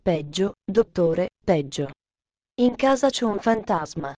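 A woman voicing a firm, commanding wealthy gentleman in a storybook reading. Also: lowish voice, expressive, slow.

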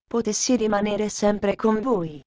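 A woman voicing a gentle young girl with a soft, calm, low way of talking. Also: measured pace, dry recording, lightly acted.

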